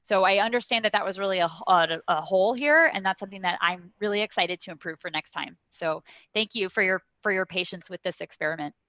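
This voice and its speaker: A woman hosting an online event over a video call, chatty and upbeat, talking in quick restarts. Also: medium pitch, pushed and bright, no echo, muffled recording. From United States. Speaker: event host. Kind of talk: casual video call chat.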